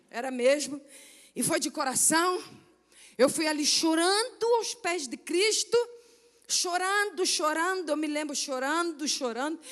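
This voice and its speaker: A woman from Brazil with a Rio de Janeiro accent, giving an animated testimony sermon and acting out the people in her story, often asking "né?" and "amém?". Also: high-pitched, big-room sound. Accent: Brazilian Portuguese, Rio de Janeiro. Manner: animated storytelling, acts out quoted voices, frequent "né?" and "amém?". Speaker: guest missionary speaker. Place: church sanctuary.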